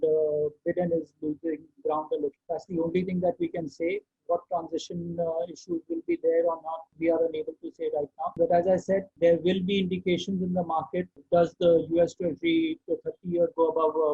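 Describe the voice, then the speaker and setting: A man with an Indian accent hosting an online market discussion, answering questions in a halting, deliberate way that repeats words. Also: a little high, lively intonation, vocal fry, warm tone, breathy edge. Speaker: host of an online market outlook session. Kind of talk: unscripted question-and-answer commentary. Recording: tinny phone-like online call.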